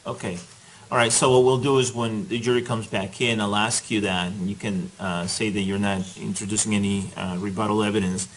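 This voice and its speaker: A man presiding as judge, giving calm procedural instructions, heard on a courtroom recording. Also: lowish voice, brisk, a little hiss or hum, rough recording. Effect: courtroom audio recording. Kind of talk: presiding over a trial.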